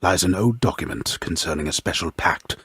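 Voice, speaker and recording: This heavily acted video game narrator is a grave, grandiose man telling an underworld myth, his voice extremely low, heavily husky, and gravelly, yet fairly bright. He speaks in measured, formal phrases, mocking drily and wryly in a solemn mood. The recording is close and dry, with no room sound.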